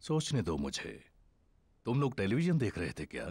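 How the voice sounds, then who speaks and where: Daddy Pig, husky and wildly swooping. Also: male voice, lowish voice, huge pitch swings, normal speed, darkish tone, dry recording, heavily acted. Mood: amused, indulgent. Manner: exclamatory, hearty, indulgent. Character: jolly, bumbling, good-natured daddy pig. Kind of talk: Hindi cartoon dub.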